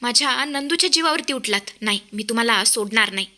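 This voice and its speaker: A woman voicing a protective young husband, furious and shouting. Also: fairly high pitch, animated, quick pace.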